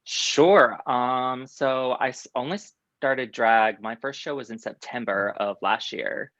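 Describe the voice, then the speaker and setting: A man's voice: mid-range voice, slow pace, a bit bright, no room sound. A man, a drag performer, being interviewed in casual chat, upbeat and laughing often. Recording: dull, dry lo-fi audio.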